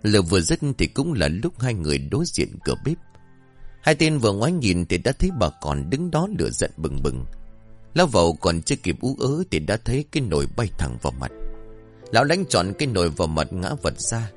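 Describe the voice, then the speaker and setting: A man narrating a comic story in a lively, expressive way. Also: low-pitched, a little fast, soft background music.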